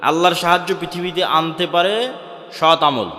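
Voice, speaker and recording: Man, sermon, Bangladeshi Bengali accent, higher voice, long hall reverb. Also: normal speed, pushed and bright. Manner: rhetorical questions answered by himself. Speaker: preacher. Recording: echoey hall.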